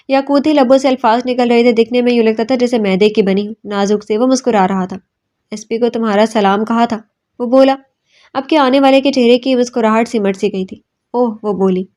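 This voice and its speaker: A woman narrating a novel aloud in a steady, dramatic storytelling manner. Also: on the high side. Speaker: audiobook narrator.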